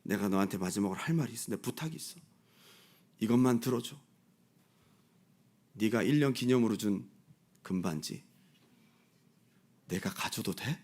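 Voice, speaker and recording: A man's voice: lively intonation, moderate pace, long pauses. A man doing a petty, clingy young boyfriend. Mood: pleading. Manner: soft, low, wheedling pleading.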